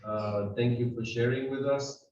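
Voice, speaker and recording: A man's voice: mid-range voice, steady tone, moderate pace, darkish tone. A man leading a seminar, chatting and teasing his class casually with many restarts. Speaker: seminar leader. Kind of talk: casual joking welcome to a class. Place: meeting room with a table. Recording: very echoey, distant, dull room sound with faint noise.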